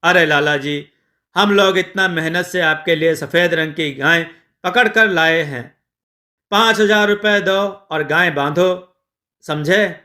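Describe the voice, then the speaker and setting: A man doing a gruff bullying village thug. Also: fairly high pitch, takes it slowly, pushed and bright. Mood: threatening. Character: rough threatening village man, con artist.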